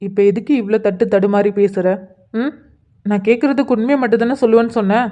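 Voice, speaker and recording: A woman's voice: fairly high pitch, steady tone, quick pace, warm tone, dull audio, close to an everyday voice. A woman voicing an earnest young man who keeps pressing his elder sister with pleading, insistent questions in a cartoon. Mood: probing. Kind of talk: cartoon voice acting.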